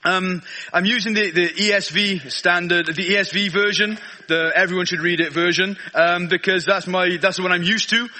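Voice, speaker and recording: Male guest preacher, South Wales Valleys accent, high forceful voice, colloquial and self-deprecating sermon delivery. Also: fairly even intonation, moderate pace. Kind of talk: informal sermon.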